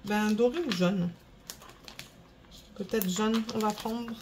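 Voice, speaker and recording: A woman's voice: mid-range voice, fairly even intonation, takes it slowly, background noise. A woman vlogger chatting casually, rambling and searching for words while she sorts craft beads. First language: French. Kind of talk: casual chat.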